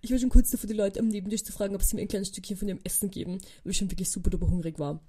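A young woman, hosting a podcast and telling a story casually, with lively quoted dialogue and many fillers. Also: medium pitch, racing, breathy edge. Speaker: podcast host.

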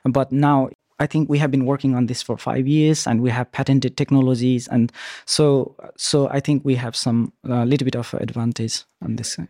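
A man from Nepal, the CEO of a startup, answers interview questions. His pitch is middle and the sound is dry and close. He speaks earnestly, with hesitant fillers. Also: steady tone, normal speed, mellow, no echo.

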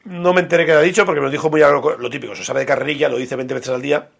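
A man with a rough, husky edge to his voice rattles through anecdotes at a quick clip. He is co-hosting a relaxed chat show over a couple of beers, swearing freely and cracking jokes as he goes. His voice sits a touch higher than most men's. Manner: storytelling, swearing and joking. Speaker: podcast co-host.

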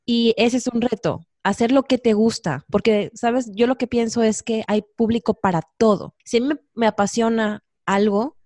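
A woman's voice: fairly high pitch, fairly even intonation, moderate pace, few pauses, a little mellow, dry recording, clean studio sound. A Mexican woman hosting a casual interview, thinking aloud in a reflective way. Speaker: host.

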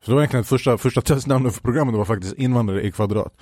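A man's voice: mid-range voice, darkish tone, no room sound, clean studio sound. A man chatting casually as a podcast guest about making his TV show. He talks in loose slang and drops English phrases in. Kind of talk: casual chat.

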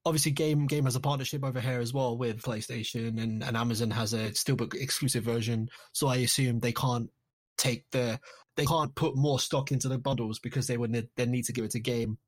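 A man in a casual podcast chat, thinking aloud with halting restarts. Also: mid-range voice.

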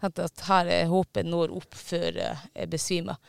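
A man with a high voice chats casually, swearing now and then and stopping on fillers as he tells his story. His tone is clear and smooth but has a gravelly fry underneath. The sound is dry and close. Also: little pitch movement, no echo. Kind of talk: casual chat.

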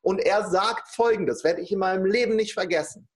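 A man's voice: high-pitched, moderate pace. A middle-aged man telling a personal story in casual conversation, acting out the people he quotes. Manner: lively storyteller, acts out quoted speech. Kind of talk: personal anecdote in casual talk.

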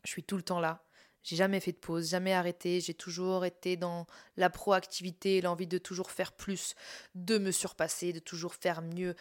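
A woman's voice: on the low side, flat delivery, moderate pace. A young woman with a tired voice, candidly talking through a personal podcast, laughing at herself and trailing off on fillers. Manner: candid, self-mocking, laughs through serious points, many fillers and restarts. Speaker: podcast host and content creator. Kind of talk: casual personal podcast monologue.

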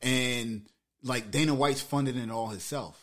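A man co-hosting a podcast in casual chat, loud and animated, full of slang and cursing. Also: mid-range voice, measured pace. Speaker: podcast co-host.

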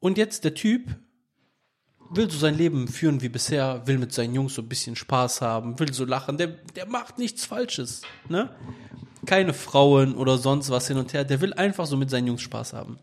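Junger Mann im lockeren Straßenslang, mittlere Tonlage. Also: male voice, medium pitch, lively intonation, moderate pace. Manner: slangy, insistent, repeats phrases for emphasis. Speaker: podcast co-host asking questions. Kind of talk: casual chat.

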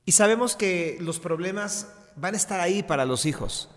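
A high-voiced man from Mexico leads the interview with earnest, probing questions. His pitch rises and falls freely. A long reverb trails every phrase. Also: expressive, moderate pace, fairly bright tone. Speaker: podcast host.

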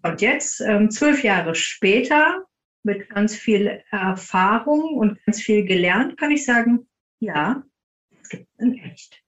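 In a roomy, slightly muffled recording with a somewhat dull sound, a woman with a mid-range voice and lively intonation answers interview questions slowly. She's a team founder appearing conversationally as a podcast guest.

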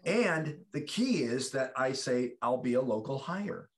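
A man's voice: medium pitch, expressive, a little slow, slight background noise. A middle-aged American actor chatting about his career, rambling with restarts and acting out the quotes in his stories. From United States. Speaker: actor, guest. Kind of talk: casual chat.

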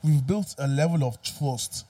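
A man's voice: a little high, measured pace, dark tone, slightly rough. A young man talking casually in a group discussion.

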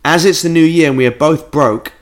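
A man's voice: a little high, brisk. A man co-hosting a casual comedy podcast, reading out listener letters and riffing with rambling jokes. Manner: rambling, jokey, drifts into mock voices. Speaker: podcast co-host.

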